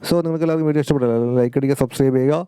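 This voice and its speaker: A man's voice: medium pitch, steady tone, rapid-fire, dark tone, smooth, no echo. A man giving casual gaming update commentary as a YouTuber, chatty and often addressing his viewers as friends and guys.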